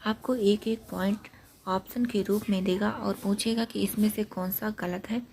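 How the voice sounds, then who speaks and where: A woman teaching an exam-prep grammar lesson, explaining point by point and repeating key facts, with trailing syllables that drop to a breathy near-whisper. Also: medium pitch, steady tone, moderate pace, darkish tone, slight background noise. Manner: repetitive, explains points step by step.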